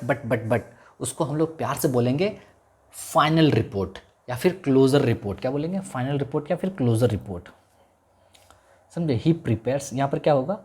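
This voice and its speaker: A man's voice: on the high side, a little mellow, breathy edge. Man lecturing with quiz-style repetition. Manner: repeats key terms as call-and-response questions; mixes in English legal phrases, drawn out slowly. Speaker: law lecturer. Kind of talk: classroom lecture.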